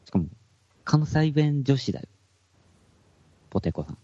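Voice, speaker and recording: A man's voice: medium pitch, big pitch swings, measured pace, dark tone, breathy edge, no echo, highs cut off. A man with a Hakata accent, a podcast co-host in casual chat among musicians, joking and laughing often. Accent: Hakata dialect. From Fukuoka.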